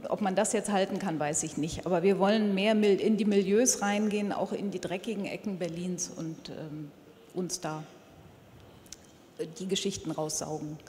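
A woman in her sixties, a TV editor on a panel, explaining in a measured way into a handheld mic on a convention stage. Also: lowish voice, steady tone, dark tone, slight background noise. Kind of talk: panel discussion. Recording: long hall reverb, faint ambience.

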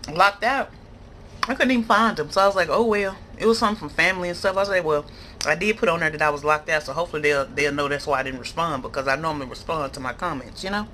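Bright-voiced American woman chatting between mouthfuls. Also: fairly low pitch. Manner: animated, emphatic complaining with slangy phrasing. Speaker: mukbang vlogger. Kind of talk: casual chat to viewers while eating. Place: indoor room at a table. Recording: clear background noise, clattering cutlery and dishes.

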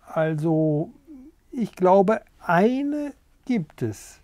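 A man's voice: sits high, very animated, warm tone, no room sound, pitched above the performer's own voice, full character voice. A man doing Gundula, a bossy old hen. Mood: shrewd. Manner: deliberate, challenging. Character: oldest hen, shrewd bossy old female.

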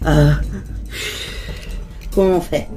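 A woman voicing every character in a homemade toy-figure drama, switching quickly between voices and breaking into shouted cries for help. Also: low voice, steady tone. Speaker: voice actor of a toy-figure series. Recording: background music under the voice.

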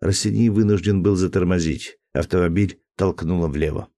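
A man narrating a classic detective novel audiobook in a measured, even storytelling manner. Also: low-pitched, dry recording. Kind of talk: scripted narration.

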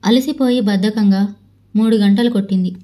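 A woman reading a novel aloud as an audiobook narrator, with steady storytelling that carries the dialogue in her own voice. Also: medium pitch, moderate pace, rough recording.

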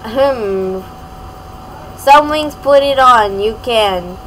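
Young woman gamer host, giggly, high voice, takes her time talking. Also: very slow, fairly bright tone, a little hiss or hum, low-quality recording. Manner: giggly and playful, often laughing. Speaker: gaming channel host. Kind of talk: casual gameplay commentary.

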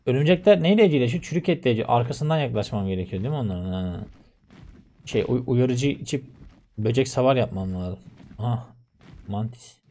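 A young man commentating his own gameplay, shouting in exasperation at losses and muttering to himself in quieter stretches. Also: mid-range voice, expressive, a little fast. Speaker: gaming YouTuber.

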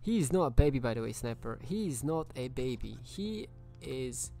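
A man's voice: medium pitch, lively intonation, normal speed, gravelly, dark tone, faint music behind. A man streaming a video game live, chatting casually and greeting viewers by name.

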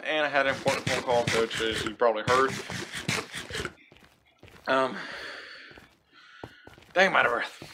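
Bright-voiced excitable gamer man. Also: medium pitch. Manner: excitable, swings from mutters to loud outbursts. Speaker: gaming YouTuber. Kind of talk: casual let's-play commentary. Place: home room. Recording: faint background noise and clicks.

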